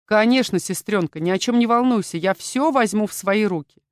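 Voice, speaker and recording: A woman's voice: mid-range voice, a little fast, no room sound, clean studio sound, lightly acted. A woman voicing a scheming count, the heroine's smug older brother, who talks down to her in a soothing way. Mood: condescending.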